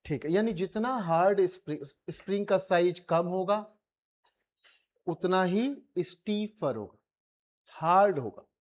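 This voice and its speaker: A man's voice: high-pitched, lively intonation, a little slow. A male physics teacher with an Indian accent, giving a colloquial classroom revision lecture and pressing his students with repeated questions.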